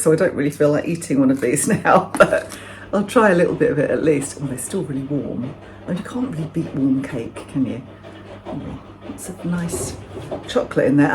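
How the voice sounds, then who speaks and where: Lady chatting in her kitchen while baking, slightly low voice, pokes fun at herself, faint room noise. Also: darkish tone. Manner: chatty, self-mocking, talks while baking and tasting. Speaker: vlogger. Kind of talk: casual kitchen vlog. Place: home kitchen.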